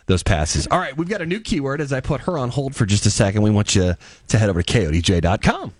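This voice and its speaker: A man's voice: mid-range voice, big pitch swings, fast, a crowd in the background. A man co-hosting a morning radio show, joking around and rambling through celebrity stories.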